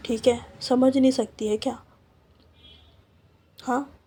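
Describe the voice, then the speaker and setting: Woman reading as a breezy, dismissive young woman in a storytime, higher voice, husky edge. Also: steady tone, slow, mellow, heavily acted. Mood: breezy, defensive.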